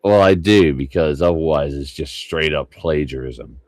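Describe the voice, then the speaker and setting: A man's voice: extremely low pitch, normal speed, darkish tone, no room sound, clean studio sound. A tired man rambling and swearing casually as he streams live reaction commentary. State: tired, low energy.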